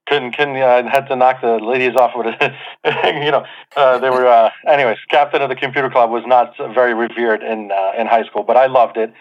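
A man's voice: medium pitch, fairly even intonation, a little fast. A man in his forties, born in Lebanon, telling his life story as an interview guest in a chatty, self-deprecating way with many fillers. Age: 40s. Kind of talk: casual interview talk. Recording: tinny phone-like line.

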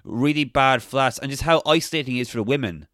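A man's voice: mid-range voice, fast, a bit bright, dry recording, studio quality. A young Irish man chatting casually on a podcast, rambling with lots of "like" and crude jokes. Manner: rambling, lots of "like" and "all right", crude humour. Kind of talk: casual chat.

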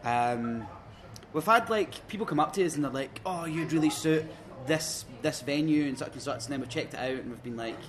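A man's voice: mid-range voice, brisk. A Scottish man in a band, rambling in an interview with lots of fillers and acted-out quotes. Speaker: band member. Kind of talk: casual interview chat. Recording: crowd noise behind.

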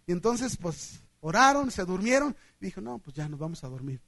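A man with a Mexican accent preaches a sermon in a high, lively voice. He tells stories and acts out the voices of the people in them, going from loud, excited lines to quiet, hushed ones. The sound is dry and close, with no room echo. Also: fairly quick, gravelly. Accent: Mexican Spanish. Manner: animated storytelling, acting out voices, swinging from loud to hushed.

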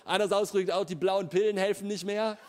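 A man delivers a Sunday-morning sermon in a loose, joking way, laughing often as he retells the story. His voice sits a little high for a man. He talks to the congregation like friends. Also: steady tone, brisk, a little mellow, a little hiss or hum. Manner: casual, humorous, laughs often. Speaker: preacher. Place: church.

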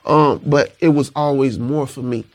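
A male rapper from Panama City, Florida, sits in on a casual interview as a guest. At normal speed and in a steady, darkish tone, his high-pitched voice sounds laid-back and reflective, punctuated by repeated "you know what I'm saying."

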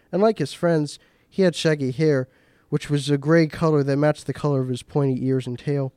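A man reading a children's story aloud at a book launch in a gentle, measured way. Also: medium pitch, clear, resonant tone, dry recording, studio quality.

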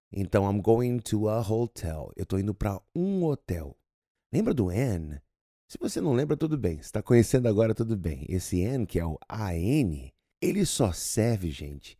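Brazilian male English teacher, podcast lesson; warm, animated delivery, lots of example repeats. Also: fairly low pitch, dry recording, studio quality. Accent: Brazilian Portuguese. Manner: lively, chatty explaining with repeated examples.

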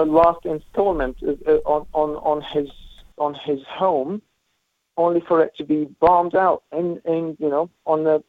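Hombre de Líbano por línea telefónica. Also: male voice, on the high side, dry recording. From Lebanon. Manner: halting, with many restarts and repeated words. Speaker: humanitarian aid worker. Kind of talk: remote interview answers. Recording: tinny phone line.

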